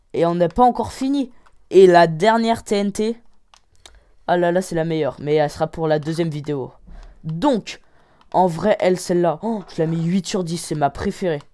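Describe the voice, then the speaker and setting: Excitable woman with a dark, mellow voice. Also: lowish voice. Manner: excitable, exclaims and rates each item out of ten. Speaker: gaming channel host. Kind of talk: game commentary.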